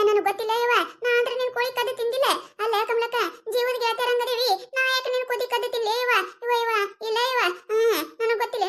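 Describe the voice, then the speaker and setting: A sly village woman with a North Karnataka accent swears she stole nothing, as a woman puts her on. Her voice is very high and teasing, full of feigned innocence. It is a cartoon comedy voice. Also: a bit bright. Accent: North Karnataka Kannada. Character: sly village woman neighbour denying the theft.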